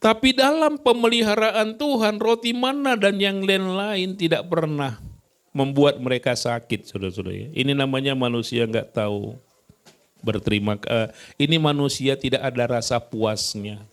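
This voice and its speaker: A man's voice: medium pitch, normal speed. A male pastor preaching a sermon in a church, talking in a conversational way and often addressing the congregation directly.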